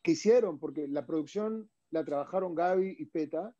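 Peruvian male guest, higher-pitched and dark-toned, acts out quotes in a casual chat. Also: normal speed, dull audio. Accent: Peruvian Spanish. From Peru. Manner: animated storyteller, acts out quoted dialogue.

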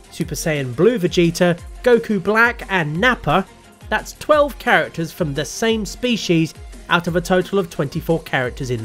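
A sardonic man in his thirties presents scripted gaming commentary. His delivery is wry and animated, with wide swings in pitch. Faint music sits behind him. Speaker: host of a gaming commentary show.

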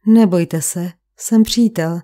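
A woman reading the lines of a calm, probing middle-aged male police commissioner in an audiobook, with measured, gentle questioning. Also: lowish voice, natural voice. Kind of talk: audiobook character voice.

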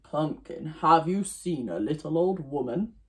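A suspicious, greedy storybook wolf, as a woman acts him out. He speaks slowly and deliberately, and his grumbles swing up high. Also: lively intonation.

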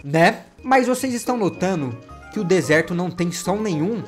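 A man's voice: sits high, animated, normal speed. A man tells his in-game wolf's story with dramatic flair. He slips into playful exclamations and asides to his viewers. Faint music runs under his voice. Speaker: gameplay vlogger voicing his wolf character. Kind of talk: role-play narration of a survival game.

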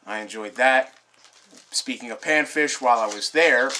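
A young man sits on a couch at home and chats casually to the camera while holding up fishing lures. His talk is relaxed and rambling, full of fillers and soft laughs, at a middling pitch. The camera mic picks up a faint hiss behind him. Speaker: fishing vlogger. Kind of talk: casual show-and-tell. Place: living room, seated on a couch indoors. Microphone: camera mic at close range.

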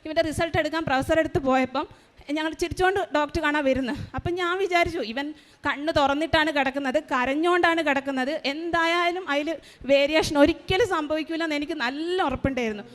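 A woman with a high voice gives an earnest personal testimony at a shrine service. She tells her story haltingly, breaking off and restarting her sentences. Her voice rings with the long echo of a large church hall. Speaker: mother giving a testimony.

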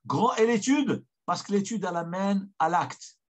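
A rabbi teaching a weekly Torah study, his voice set high for a man and carrying a husky edge. He tells the story emphatically and circles back over key phrases to drive them home. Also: animated, moderate pace.

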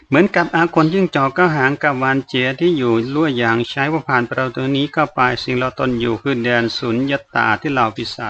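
A man of ordinary pitch reads a fantasy novel aloud as an audiobook narrator. His telling is even and unhurried. The recording is a little muffled, with faint background noise.

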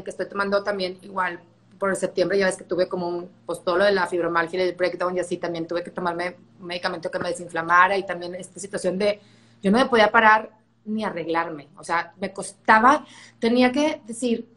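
A woman's voice: mid-range voice, a little fast, fairly bright tone. A woman with a Mexican accent hosting a podcast interview, talking frankly in a conversational way. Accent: Mexican Spanish. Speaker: podcast host. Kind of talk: casual interview chat.

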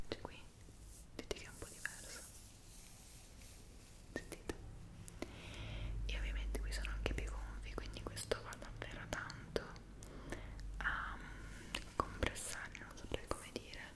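A woman whispers a casual, unhurried ASMR chat, very hushed and close to the microphone, pausing to search for words. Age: 20s. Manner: hushed whisper, speaking very softly. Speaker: ASMR creator. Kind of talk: whispered ASMR chat about personal routine. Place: small indoor room. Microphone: two close side microphones in front.

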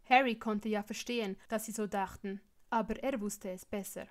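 A woman reading fan fiction aloud in steady, plain storytelling. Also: mid-range voice, normal speed. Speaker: reader.

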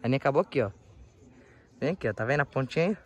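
A young man with a São Paulo Brazilian accent, chatting casually and excitably in slang to a handheld phone outdoors as he vlogs. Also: mid-range voice, racing. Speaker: vlogger. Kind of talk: casual vlog chat. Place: outdoors in a residential yard. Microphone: handheld phone, held by the speaker.

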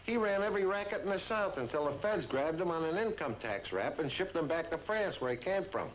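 A man's voice: on the high side, expressive, fairly quick, a little hiss or hum, natural voice, poor audio. An actor playing a grim, knowing male associate in a classic TV crime drama, matter-of-fact. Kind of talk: 1950s TV crime drama acting.

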